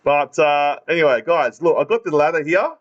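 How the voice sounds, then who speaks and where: A man's voice: on the high side, moderate pace, lo-fi sound, slight background noise. A man with a broad Australian accent hosting a casual football podcast, blokey and given to repeating himself. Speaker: podcast host.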